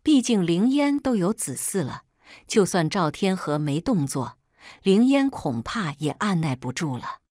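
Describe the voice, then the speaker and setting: A woman reads a first-person story aloud in a wry, brisk manner. Her voice sits low but moves with lively pitch. The sound is close and dry. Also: dry recording.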